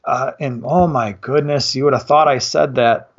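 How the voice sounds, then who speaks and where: A man's voice: medium pitch, fairly even intonation, normal speed, lo-fi sound. A man talking as a guest in a casual conversation, easygoing and full of "you know" asides. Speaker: guest on a live stream.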